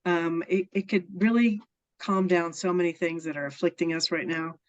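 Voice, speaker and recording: The guest in this relaxed storytelling interview is a woman whose voice is on the low side, with fairly even intonation and a moderate pace. She recounts personal stories earnestly, enthusiastically and with plenty of laughter, over a dull lo-fi recording.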